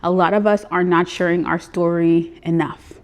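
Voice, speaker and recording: Greeting viewers as she goes, a Trinidadian business coach with a Brooklyn- and Texas-tinged accent delivers a sincere, conversational motivational talk on a live stream. She speaks at a normal speed in a fairly low, steady voice.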